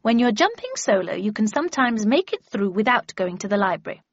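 Brief: an imperious elderly woman, crisp and scornful, put on by a woman narrator. Husky edge, dry, lo-fi sound. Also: medium pitch, very animated, a little fast, no echo. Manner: clipped, scornful, commanding. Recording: dull, dry lo-fi recording.

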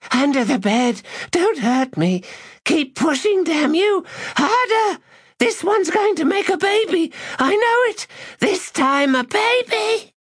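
A man voicing a playful noblewoman in bed with a husky, whispering voice. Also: on the high side, very animated, takes it slowly, no room sound, clean studio sound, pitched above the performer's own voice, exaggerated voice. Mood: coy, breathy.

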